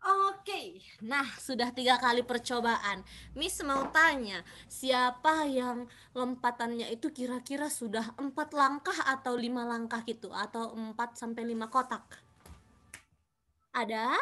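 A woman with a high voice leads a children's exercise class over a video call. She coaches like a gym instructor, giving short, encouraging commands and counting out each movement. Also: fairly even intonation, a little slow, bright, forceful tone. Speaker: physical education teacher of young children, coaching like a gym coach.

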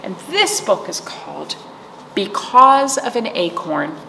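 Speaking slowly with big swings in pitch, this middle-aged woman has a mid-range, creaky voice that sounds pushed and bright. She's a children's librarian running virtual storytime for little ones, reading aloud and doing rhymes, keeping explanations simple and asking questions to check in. She sits in a small library room where the recording picks up echo and background noise.

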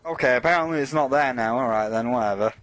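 A man with a mid-range, slightly bright voice hosts a let's play, talking fast and rambling casually while swearing. He chats through the game and to his viewers in casual gameplay commentary, with no room sound.

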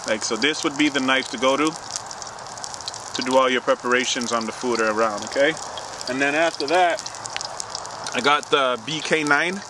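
A man in his thirties casually showing gear to viewers while cooking in the winter woods. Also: mid-range voice. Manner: relaxed, chatty, addresses viewers directly. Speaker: outdoor cooking vlogger. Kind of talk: casual demo talk. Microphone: chest-mounted action camera. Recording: distant outdoor camera mic with wind noise.

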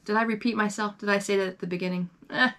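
A woman's voice: medium pitch, steady tone, fast, fairly bright tone. A woman hosting her own reselling vlog, chatting casually and rambling with fillers and self-corrections. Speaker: online reseller and channel host.

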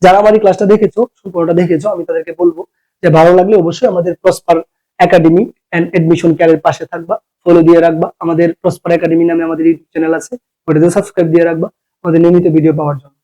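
A man's voice: fairly high pitch, little pitch movement, racing, mellow, poor audio. A man teaching an exam-prep lecture, coaxing students and repeating rules.

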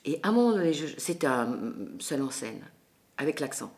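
Gravelly Southern French woman telling stories. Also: low voice, normal speed. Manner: lively, expressive storytelling with frequent restarts. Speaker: actress interviewed. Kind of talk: casual anecdotal interview.

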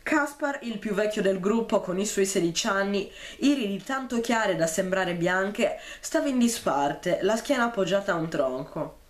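A man reading a novel chapter aloud and then discussing it, with frequent "eh" fillers and throat-clearing. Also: sits high, lively intonation, moderate pace, few pauses. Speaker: book reader and commentator.

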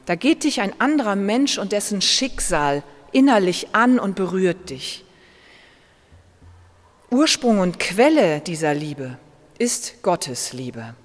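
Slow-preaching woman pastor in a reverberant church. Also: mid-range voice, sing-song. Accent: German. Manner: slow, measured preaching with gentle emphasis. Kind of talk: sermon.

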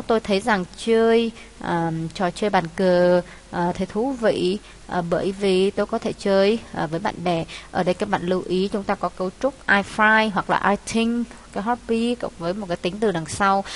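A woman English teacher with a Vietnamese accent, working slowly through an exam and explaining each answer with many pauses. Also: mid-range voice, fairly even intonation. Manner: unhurried, many hesitations, explains step by step. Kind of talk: exam walkthrough lesson. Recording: faint hiss.

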